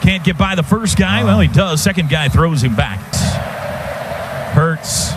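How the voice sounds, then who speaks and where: A man with an American accent calls live football on the radio as a play-by-play sports announcer, using clipped, staccato phrases from a stadium radio booth. His voice is fairly high and animated but a little slow, heard over music in a noisy live stadium radio broadcast.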